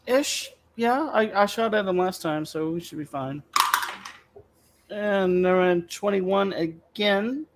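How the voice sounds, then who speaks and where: A man playing a tabletop game, slowly working out his attack rolls and damage aloud. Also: high-pitched, background noise. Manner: slow, counts dice totals aloud. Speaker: player. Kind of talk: tabletop game play over voice chat.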